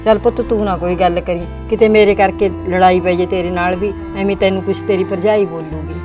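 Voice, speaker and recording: A woman playing a sad older aunt, speaking softly and lamenting in a village family drama. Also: on the low side, fairly even intonation, fairly quick, music in the background, lightly acted. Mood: worried. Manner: lamenting, soft-spoken.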